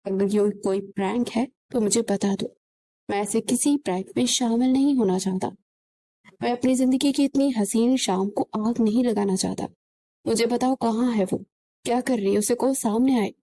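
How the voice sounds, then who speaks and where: A woman's voice: a little high, dark tone. A woman voicing a distraught young man whose fiancée has fled, pleading and frantic.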